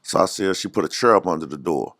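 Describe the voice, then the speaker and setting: A man with a Dallas accent, a podcast guest telling stories in a slow, laid-back way and acting out the people he quotes. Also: low-pitched, animated, fairly bright tone, no echo. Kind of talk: storytelling in a podcast interview.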